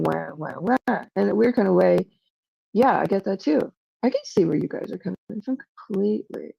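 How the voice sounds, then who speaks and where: Rambling, emotional woman streamer with a gravelly voice. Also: mid-range voice, mellow, muffled recording. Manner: rambling, emotional, self-doubting; frequent "like" fillers. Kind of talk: casual livestream talk to chat.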